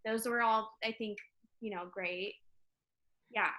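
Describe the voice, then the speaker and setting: A woman guest chatting on a podcast, with a higher voice than most women. Her tone is bright and clear, and she hesitates often, filling her speech with fillers. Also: fairly even intonation, slow pace. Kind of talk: casual chat.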